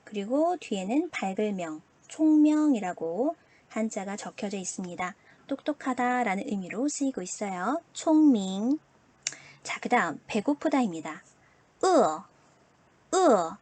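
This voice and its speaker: A woman teacher giving a recorded Chinese lesson, patiently explaining and slowly modeling pronunciation. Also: medium pitch, expressive, a little mellow, dry recording.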